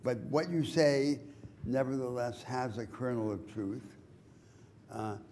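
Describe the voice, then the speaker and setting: A man giving a university lecture in a lecture hall, explaining in a measured, deliberate way with emphatic rises. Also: mid-range voice, warm tone, slight background noise.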